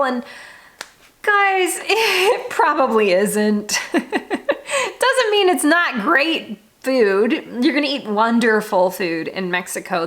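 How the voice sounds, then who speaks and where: This woman, a travel vlogger from the United States, chats candidly with her audience in a casual monologue. Her pitch is fairly high and her tone fairly bright, and her delivery is frank and emphatic.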